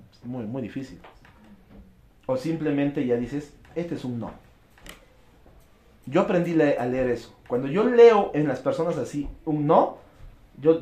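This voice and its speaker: A man giving a motivational talk about network marketing to an audience, animated and acting out quick bits of dialogue. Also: mid-range voice, roomy sound.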